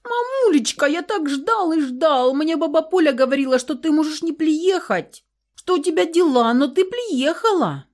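A woman reading an audiobook, voicing a small excited boy who lisps and squeals. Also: moderate pace. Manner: squealing, lisping, high. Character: small excited boy, lisping little child. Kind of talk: audiobook character voice.

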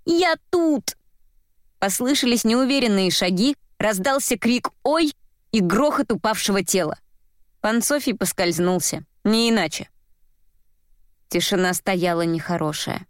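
A woman narrating a story in a wry, even storytelling manner. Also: medium pitch, normal speed, no echo, clean studio sound. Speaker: audiobook narrator. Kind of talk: scripted narration.

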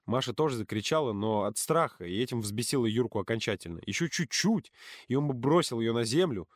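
A man's voice: mid-range voice, lively intonation, fast, no room sound. A man narrating a novel with tension and drama. His voice sits in a middle range. The recording is close and dry. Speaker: audiobook narrator. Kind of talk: expressive audiobook narration.

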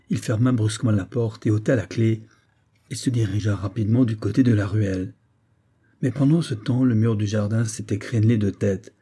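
A man reading a 19th-century novella aloud in a measured storytelling manner. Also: on the low side, mellow, husky. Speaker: audiobook reader.

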